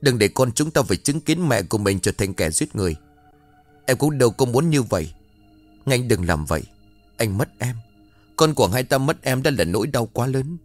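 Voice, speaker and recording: A man's voice: mid-range voice, expressive, moderate pace, long pauses, dry recording, faint music behind, voice pushed up, lightly acted. A man voicing a heartbroken middle-aged husband, pleading in a choked, tearful voice.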